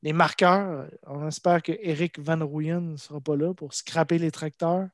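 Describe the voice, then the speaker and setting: A man's voice: on the high side, fairly even intonation, normal speed, no room sound, clean studio sound. A man with a Québécois accent chatting casually about sports as a podcast co-host.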